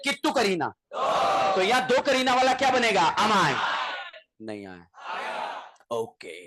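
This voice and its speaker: A man teaching chemistry in a lively exam-prep class, calling out questions and often shouting. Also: sits high, unhurried. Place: classroom with students. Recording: noisy classroom with crowd voices.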